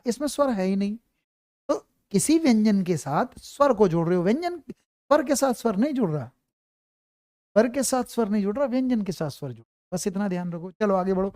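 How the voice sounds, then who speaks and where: A man with a high-sitting voice delivers an online grammar lecture, repeating points and often checking that his students are with him. He reassures them by calling them "beta." The recording is dry and studio quality.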